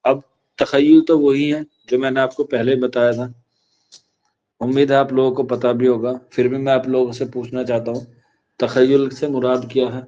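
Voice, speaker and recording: A man's voice: mid-range voice, flat delivery, warm tone, muffled recording. Man teaching, repeating lines for dictation. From India. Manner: repeats key phrases slowly for dictation. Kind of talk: exam prep lecture.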